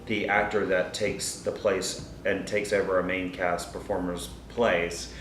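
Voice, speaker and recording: A man who ran a theater's training program, calmly explaining how students move up through it. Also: low-pitched, far from the mic, a little hiss or hum. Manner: plain, explanatory, measured. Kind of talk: interview. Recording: echoey room from afar, faint music.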